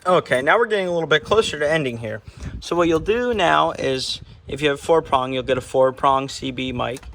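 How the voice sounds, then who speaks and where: In his garage, a man fits a CB radio to a car and narrates casually while he works for his vlog. His voice is a little high and fairly bright, and he speaks a little fast. The home video has slight noise and handling clicks.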